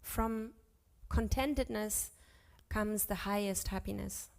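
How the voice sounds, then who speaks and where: In an ashram class, a woman teaches Sanskrit scripture, chanting verses slowly and correcting herself aloud as she goes. Her voice is medium in pitch with vocal fry.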